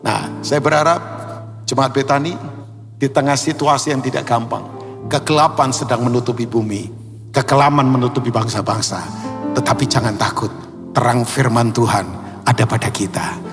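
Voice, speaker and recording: A man preaching a sermon, animated, acting out dialogue and shouting for emphasis. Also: medium pitch, moderate pace, over music. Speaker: pastor. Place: large church hall. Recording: long church hall reverb.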